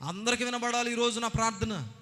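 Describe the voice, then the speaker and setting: A man's voice: extremely high pitch, a little fast, pitched above the performer's own voice. A preacher putting on a bragging self-righteous man. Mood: boastful. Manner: loud, bragging, insistent. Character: boastful self-righteous man showing off his piety. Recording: long church-hall reverb.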